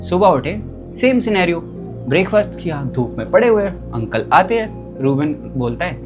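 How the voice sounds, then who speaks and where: A young man tells a travel story in an easy, animated way, slipping into the voices of the people he met. His voice sits a bit high for a man, and clear music plays behind him. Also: normal speed.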